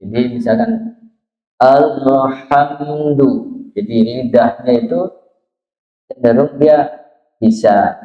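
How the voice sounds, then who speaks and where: A man gives a slow Quran pronunciation lesson in a small prayer room, patiently modeling sounds and stretching out recited words. His medium-pitched voice swings widely in pitch, with a measured pace and frequent pauses, captured in roomy, dull lo-fi audio.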